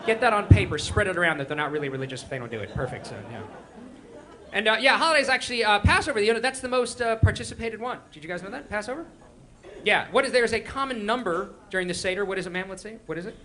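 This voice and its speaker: A young man from Israel performing a stand-up set with quick, animated crowd work and mock voices, on a live stage. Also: sits high. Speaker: stand-up comedian. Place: live comedy stage before an audience. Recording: live room with faint crowd noise.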